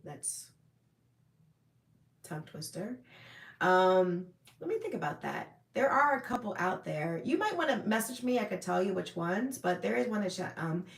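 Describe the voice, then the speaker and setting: A woman's voice: medium pitch, very animated, normal speed, gravelly, echoey room. A woman hosting a casual livestream, chatting with viewers in a friendly, rambling way. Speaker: livestream host. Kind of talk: casual live chat answering viewers.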